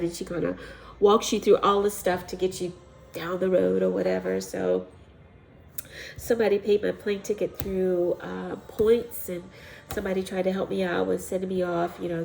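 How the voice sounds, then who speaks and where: In a low-quality recording, a woman with medium pitch, vocal fry, and a dark tone tells her story. Her voice is stuffy from a cold as she casually rambles through a missionary's testimony vlog, dropping ums and little laughs.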